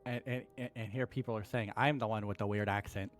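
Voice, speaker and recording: A man's voice: lowish voice, steady tone, quick pace, soft background music, close to an everyday voice. A man puts on a folksy small-town fellow. He talks plainly and amiably, a little bemused by modern things, as a tabletop game character.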